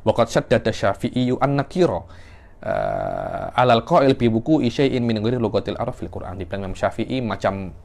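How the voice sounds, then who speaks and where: Male religious teacher, lecturing a class, jumps up high for emphasis. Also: sing-song, moderate pace, creaky, darkish tone. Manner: explains, then rises sharply in pitch for emphasis. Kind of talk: classroom lecture on Quranic sciences.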